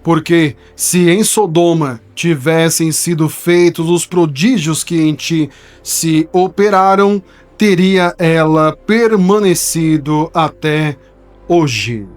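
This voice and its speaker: Speaking slowly in a fairly high voice, with faint music behind him, this São Paulo preacher with a paulistano accent walks through a Bible verse in the studio. He teaches conversationally and keeps checking in with the people listening.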